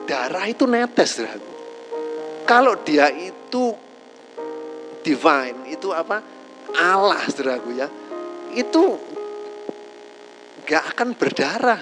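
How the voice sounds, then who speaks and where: A man delivers a relaxed, conversational sermon in a church hall, turning to his listeners at the end of almost every phrase. His voice sits on the higher side, and clear music plays underneath him throughout. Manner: tags nearly every phrase with a call to his listeners, folksy and joking. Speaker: preacher.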